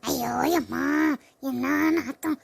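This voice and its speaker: A woman playing a sharp-tongued, nagging mother-in-law in a comedy sketch, scolding her son's wife. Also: high voice, steady tone, slow, creaky, breathy edge, full character voice. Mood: disgusted.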